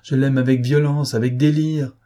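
A man's voice: mid-range voice, little pitch movement, normal speed, dark tone, voice pushed up, lightly acted. A man voicing a proud, lovesick young man who speaks in passionate, despairing outbursts in an audiobook. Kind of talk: audiobook character voice.

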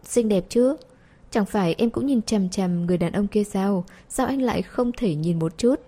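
A woman's voice: mid-range voice, normal speed, mellow, husky, natural voice. A woman voicing a defensive young boyfriend who blurts out excuses in an audiobook. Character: young man, defensive boyfriend caught staring.

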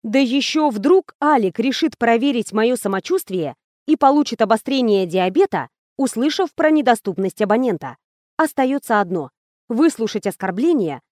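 A woman reads a novel aloud in the first person, lively and ironic. Her voice sits a bit high. The recording is dry and close. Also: no echo. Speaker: audiobook reader. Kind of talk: scripted narration.

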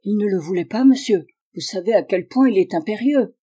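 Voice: mid-range voice, lively intonation, a little fast, dark tone, breathy edge. Un lecteur qui fait parler une vieille logeuse inquiète, d'un ton pressant et suppliant. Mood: urgent. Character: worried elderly landlady, anxious.

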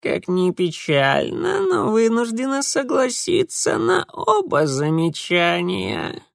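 Male reader voicing a mocking, creaky she-creature; slow drawl, dry close sound. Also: sits high, wildly swooping pitch, no echo, voice pushed up, full character voice. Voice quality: creaky, grating. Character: female creature with claws, melancholy.

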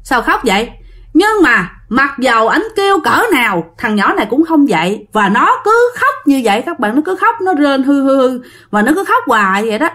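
A woman with a Southern Vietnamese accent tells a ghost story as if chatting with friends. She talks to her listeners often. Her voice is fairly high and moves widely between high and low for effect. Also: big pitch swings, brisk, few pauses. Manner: dramatic swings in pitch and loudness. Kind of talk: casual spoken storytelling.

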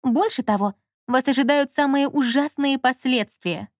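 A woman's voice: high-pitched, moderate pace, no echo, studio quality, pitched above the performer's own voice, lightly acted. A woman voicing a sly young swindler on the phone, theatrical and sharply changeable. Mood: coolly threatening. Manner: theatrical, switching between cold pressure and gushing.

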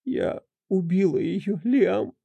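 A man's voice: fairly high pitch, slow, creaky, warm tone, dry recording, pitched above the performer's own voice, full character voice. A man voicing a distraught woman who confesses to a killing through tears, her voice trembling. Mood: tearful. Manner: trembling, tearful pleading.

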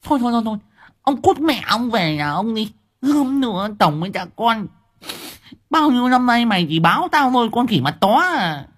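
A man voicing a shrill, nagging middle-aged village wife who shrieks insults at her husband. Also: lively intonation, a little slow, pushed and bright, exaggerated voice. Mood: furious.

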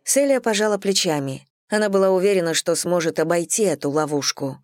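Steady audiobook narrator, dry close sound. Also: medium pitch, brisk, no echo. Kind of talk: scripted narration of a thriller novel.

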